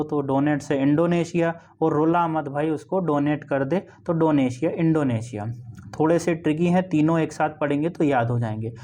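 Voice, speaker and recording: A man with a fairly high voice teaches exam-prep memory tricks. He walks through each one patiently, repeats key phrases and keeps checking in with the listener. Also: a little mellow.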